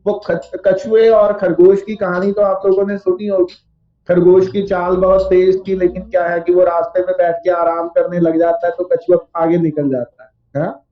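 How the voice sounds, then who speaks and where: High-voiced Hindi motivational man, lo-fi. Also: little pitch movement, moderate pace. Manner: repetitive, rhythmic lists; acts out listeners' excuses in quotes. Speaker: motivational speaker. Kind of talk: motivational talk.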